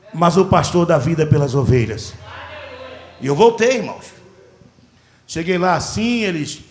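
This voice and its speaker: A man with a Brazilian Portuguese accent, a pastor preaching a sermon and telling a story with animated, dramatic delivery. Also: high voice, creaky, reverberant.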